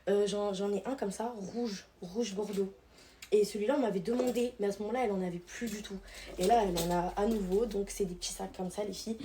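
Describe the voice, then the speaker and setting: A young woman from Réunion, chatty and excitable, talking casually to her viewers in a vlog. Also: mid-range voice, fast talker, a little hiss or hum. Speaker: vlogger. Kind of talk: casual vlog chat to camera.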